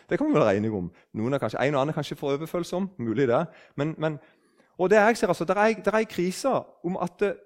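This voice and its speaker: A man in his sixties from southern Norway, telling a story in a conversational way, often restarting his sentences. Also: on the high side. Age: 60s. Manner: animated, restarts sentences, acts out quoted speech. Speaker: speaker on faith.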